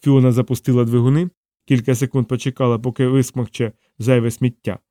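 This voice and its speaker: A man with a medium-pitched voice narrates an audiobook in a steady, measured reading. The recording is dry and has clean studio sound.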